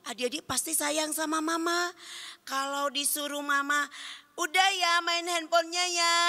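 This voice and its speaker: A woman's voice: a little high, bright, forceful tone, in a large hall. A woman teaching children at Sunday school in a playful way, asking them questions and answering for them.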